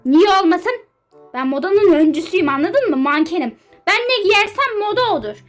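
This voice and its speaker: A woman doing a shrill, bossy, hyper young model. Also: lively intonation, normal speed, faint music behind. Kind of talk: game character role-play dub.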